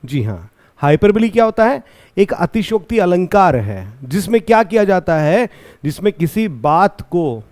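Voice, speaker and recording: A man gives an exam-prep lesson. He explains slowly and repeats each point, then puts questions to his class and answers them himself. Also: high-pitched, a little mellow. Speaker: teacher.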